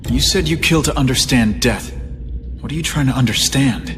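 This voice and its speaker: A man's voice: mid-range voice, normal speed, natural voice. A man playing a young, wisecracking, righteous masked superhero in a video game, quippy and earnest. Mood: earnest, firm. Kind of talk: video game cutscene acting. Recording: loud music behind the voice. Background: loud game music.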